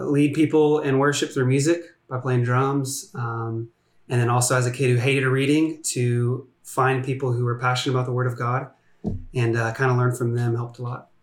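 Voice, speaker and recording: A friendly, relaxed 23-year-old man who works as an associate student pastor. His delivery stays level and even. The room around him is echoey. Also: medium pitch. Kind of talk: casual podcast conversation.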